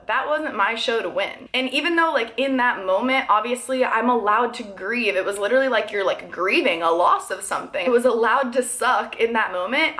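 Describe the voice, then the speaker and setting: A young woman talking candidly to her vlog audience in an animated, storytelling way, with frequent fillers and laughs. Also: medium pitch. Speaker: vlogger. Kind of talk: casual vlog talk.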